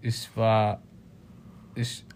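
A man in casual chat, telling an animated story full of street-slang fillers. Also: fairly low pitch, extremely slow, slight background noise.

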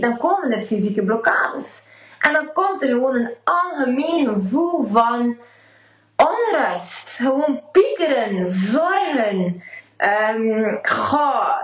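A woman chatty Flemish woman, bright and emphatic. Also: high-pitched, roomy sound, poor audio. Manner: chatty and emphatic, laughs easily. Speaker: coach and livestream host. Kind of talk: casual motivational talk to a live chat.

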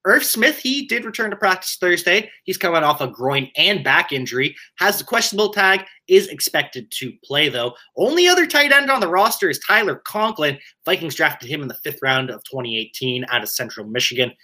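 A man co-hosting a fantasy football show, running through player news with quick, upbeat asides. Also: very animated, pushed and bright. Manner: upbeat, quick asides, jumps up in pitch on names. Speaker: fantasy football podcast co-host. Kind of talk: casual sports news rundown.

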